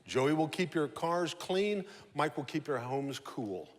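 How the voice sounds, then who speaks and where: A man's voice: a little high, sing-song, takes it slowly. A man hosting a live morning show, speaking podium-style to an audience with casual banter. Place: stage in a hall with an audience. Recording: noisy hall with long reverb.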